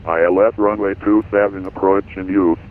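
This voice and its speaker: Deep male airport weather broadcast over radio. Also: moderate pace. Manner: even, clipped recorded announcement reading. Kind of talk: automated airport information broadcast. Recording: tinny radio band with faint hiss.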